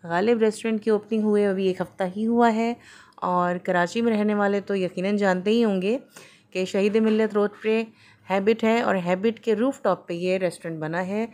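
A woman's voice: medium pitch, darkish tone. Upbeat woman vlogging on her phone. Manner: chatty, upbeat, enthusiastic recommending. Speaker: lifestyle vlogger. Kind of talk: casual vlog narration. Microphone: phone camera at arm's length.

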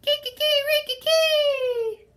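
Storybook: plucky defiant rooster, higher, lively lilt, read by a woman. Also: unhurried, full character voice. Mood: crowing. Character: stubborn brave male rooster, cheerful. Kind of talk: reading a picture book aloud.

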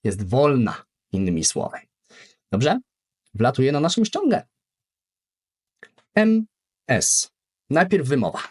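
Slow, animated male language teacher. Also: mid-range voice, slightly rough. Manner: repeats each word slowly for practice, very lively intonation. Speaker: English teacher. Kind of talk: beginner language lesson.

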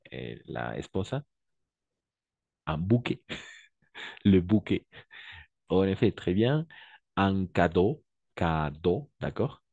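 A man's voice: low voice, warm tone, no room sound, dull audio. A man teaching French in an online class, patiently repeating each word and translating into Spanish. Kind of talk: online language lesson.

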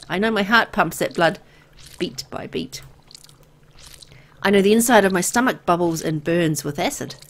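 A woman's voice: fairly low pitch, exaggerated voice. Woman acting as Lizzie, a brooding, disoriented amnesiac. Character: anxious, disoriented amnesiac young woman, horror narrator. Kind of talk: scripted horror visual novel narration and acting.

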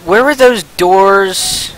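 A young man livestreaming a game with a friend, excitable and jokey, reading prompts aloud as he plays. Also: high voice, very slow, low-quality recording. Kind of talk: casual gaming chat.

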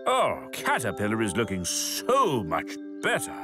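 Male cartoon narrator: gentle, warm-toned praise, slow and very expressive. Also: fairly low pitch, music in the background. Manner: gentle, encouraging, addresses the children. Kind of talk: scripted children's cartoon narration.

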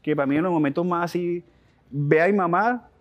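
A Venezuelan man in his young adult years tells his story at a rapid clip, his voice sitting fairly high. He restarts sentences, drops slang and talks with animated feeling as an interview guest. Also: dull audio. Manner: animated, fast-talking, with frequent restarts and slang.

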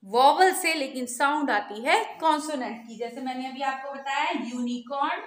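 A woman teaching English grammar in a video lesson, asking questions and answering them herself, repeating words slowly. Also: sits high, roomy sound.

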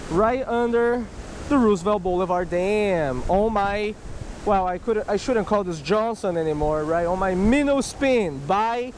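This fishing video host, whose voice sits high, talks animatedly to camera outdoors by a fast-flowing creek, tossing in frequent "right?" and "okay?" tag questions. The body-worn action camera captures plenty of rushing-water noise behind him.

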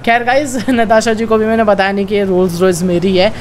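A man's voice: high voice, little pitch movement, brisk, slight background noise. A man hosting a gaming channel, giving chatty gameplay commentary and constantly calling his viewers friends and brothers as he playfully narrates his character's romance.

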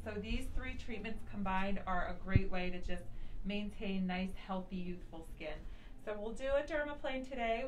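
Woman in her thirties, clinician talking through a face mask, informal explainer, light background noise in a small room. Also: on the high side. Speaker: nurse practitioner. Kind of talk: explaining a treatment on a live video. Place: small indoor treatment room. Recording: noisy room ambience.

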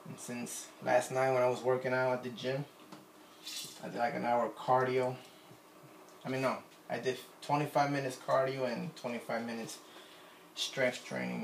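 Filming on a phone set on his kitchen counter, a man in his thirties with a Puerto Rican accent makes a drink and chats in a rambling, self-deprecating way. His medium-pitched voice has vocal fry, and a little hiss or hum sits under the recording. The kitchen sounds echoey with faint ambience.

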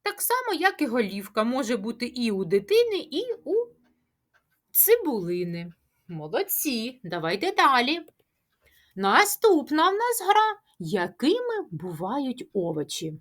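A woman teaching a speech lesson to preschoolers, asking questions, answering them herself and chanting tongue twisters slowly. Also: sits high, huge pitch swings. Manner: sing-song, drawn-out tongue-twister chanting. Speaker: kindergarten teacher.

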